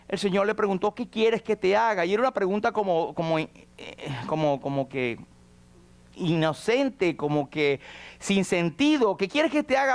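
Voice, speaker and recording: Male pastor, high voice, lively sermon with acted-out quotes. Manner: animated preaching with quoted prayers and paraphrased dialogue. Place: church.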